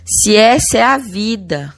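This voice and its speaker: A woman's voice: mid-range voice, expressive, vocal fry. Earnest Brazilian woman giving testimony. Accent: Brazilian Portuguese. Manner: halting, restarts and repeats words; earnest, addresses listeners as brothers. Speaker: church member giving testimony. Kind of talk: spoken religious testimony.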